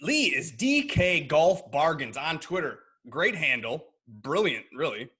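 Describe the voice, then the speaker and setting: A man's voice: a little high, very animated, measured pace, pushed and bright, slightly rough. A man hosting a podcast from his home garage, chatting in an upbeat, jokey way over a video call. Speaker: podcast host. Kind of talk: casual interview chat.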